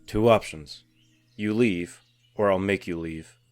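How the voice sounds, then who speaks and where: A man's voice: low-pitched, slow pace, darkish tone. A man voicing a tense, agitated young man who guards a forest, giving clipped, urgent warnings over music. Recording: narration over clear background music.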